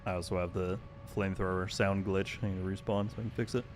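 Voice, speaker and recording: A man's voice: deep voice, steady tone, quick pace, soft background music. A man streaming a video game, chatting casually and thanking viewers by name. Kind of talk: casual live-stream chat.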